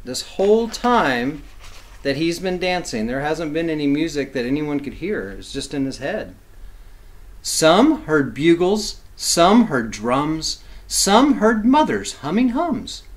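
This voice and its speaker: Reading a picture book to children the way a teacher would, this man is expressive and pauses for easy asides that explain things to the little ones. His pitch is fairly high and his delivery slow.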